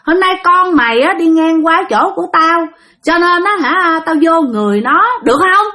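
A harsh, rasping ghost of an old woman speaks through a possessed girl, as a woman storyteller puts her on, taunting and boastful. Her voice rides high and loud above the teller's own, with a lively swing in the pitch. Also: normal speed, full character voice. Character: ancient female spirit possessing a young woman, taunting.

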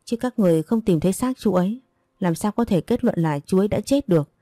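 A woman's voice: medium pitch, animated, fast talker, dark tone, no room sound, lightly acted. A woman voicing a desperate grieving teenager. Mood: defiant. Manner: pleading, insistent, breaking into denial. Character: desperate grieving seventeen-year-old refusing the news.

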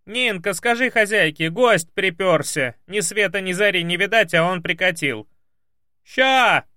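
A man voicing a loud, coarse, quarrelsome female housemaid who shouts in blunt, crude slang. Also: expressive, normal speed, dry recording, studio quality, lightly acted. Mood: shrill, quarrelsome. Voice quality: shrill, shouting. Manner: blunt, crude colloquial speech.

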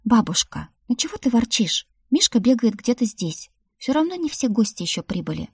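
A cheeky young wife and mother who teases her family with a quick, lively lift, as a woman narrator puts her on. The husky voice sits higher than the narration, on a dry close recording. An audiobook character voice. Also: no echo, heavily acted. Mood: teasing. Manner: teasing, lively.

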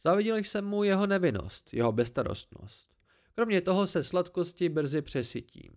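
A man's voice: high voice, expressive, a little mellow, voice pushed up. A man voicing an ancient, haughty tree-spirit oracle with a cold, dry, disdainful voice.

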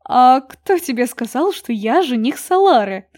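Woman doing a tender, gentle grown man. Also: sits high, very animated, a little slow, dry recording, studio quality. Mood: firm, tender. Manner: soft, warm-hearted and reassuring.

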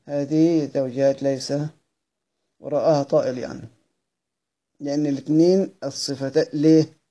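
A man's voice: mid-range voice, steady tone, moderate pace, mellow, dull audio. A man with an Egyptian accent giving a study-circle lecture on Quran readings. He asks himself questions, answers them, and repeats the key phrases. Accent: Egyptian Arabic.

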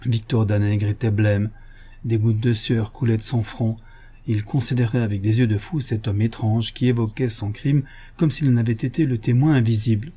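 A man narrates a classic detective story in an even, literary reading. His voice is dark and mellow, with a husky grain. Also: on the low side, moderate pace. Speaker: audiobook narrator. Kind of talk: scripted audiobook narration.

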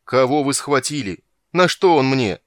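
A man reading a story aloud and voicing an irritable, blustering male sea king who shouts and grumbles. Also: mid-range voice, very animated, normal speed, no echo, studio quality. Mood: furious. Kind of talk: audiobook reading.

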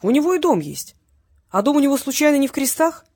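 A cocky, mocking male tough guy, put on by a woman narrator in an audiobook. His voice sits high and loud above her usual reading and bounces around as he makes cheerful threats. There is a husky edge to it. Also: sing-song, a little fast.

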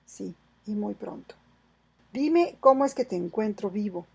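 A bold, defiant pirate captain from a storybook adventure, put on by a woman reading aloud. He speaks firmly and with command, and his voice is gravelly and husky. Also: medium pitch, expressive, a little slow, full character voice, poor audio. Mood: resolute.

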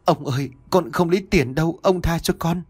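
A man's voice: on the high side, a little fast, a little mellow, breathy edge, voice pushed up. A man doing a sobbing terrified young girl. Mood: pleading. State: crying, pleading.

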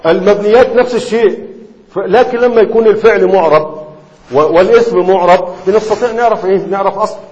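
A man with an Egyptian Arabic accent gives a classroom lecture, his voice sitting high for a man. He keeps pausing to check that his students are following. The sound is dull and lo-fi, with a long echo from a large hall. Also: a little mellow. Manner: keeps checking students' understanding with quick questions. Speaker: Islamic scholar teaching Arabic morphology.

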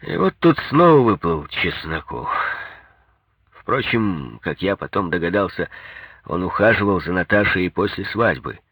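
A man's voice: low voice, animated, measured pace, fairly bright tone, husky. A man reading a first-person story aloud in a wry, conversational manner. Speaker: narrator.

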